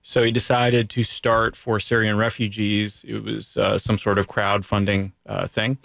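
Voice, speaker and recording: A man's voice: lowish voice, little pitch movement, measured pace, gravelly, a bit bright, dry recording. A man hosting a casual radio chat show, joking and rambling in an easygoing way. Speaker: radio host.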